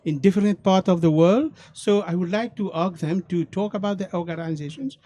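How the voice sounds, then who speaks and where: A man's voice: high voice, brisk, mellow, no echo. A man with a Mauritian accent co-hosting a panel debate, hesitant and repeating himself. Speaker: debate co-host.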